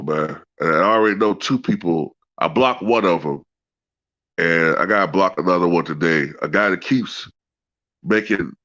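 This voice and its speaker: A low-pitched man talks loosely to live viewers in a colloquial, sweary way. His nose is blocked by a cold, giving a thick, congested nasal sound. The audio is dull and lo-fi. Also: fairly bright tone. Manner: profane, colloquial, peppered with "man" and "you know". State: congested with a head cold, clearing throat. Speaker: sports talk livestream host. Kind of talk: casual rambling chat to live viewers.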